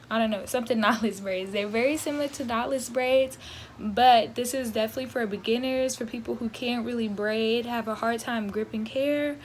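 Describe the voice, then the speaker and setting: A young woman vlogger, talking viewers through a hair tutorial in a relaxed, chatty way, a little groggy from just waking up. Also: on the high side, slight background noise. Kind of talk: casual how-to tutorial. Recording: echoey room with faint ambience.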